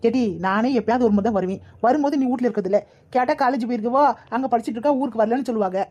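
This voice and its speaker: A woman's voice: fairly high pitch, darkish tone, dull audio, close to an everyday voice. A woman voicing a chatty, teasing married aunt in a cartoon comedy, speaking with a Kanyakumari Tamil accent. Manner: rapid, scolding back-and-forth.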